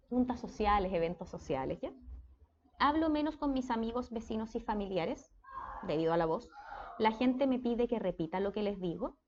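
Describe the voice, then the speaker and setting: Chilean woman lecturing casually, higher voice. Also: a little mellow, lo-fi sound, slight background noise. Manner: conversational, checks in with frequent "¿ya?". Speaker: speech therapy lecturer.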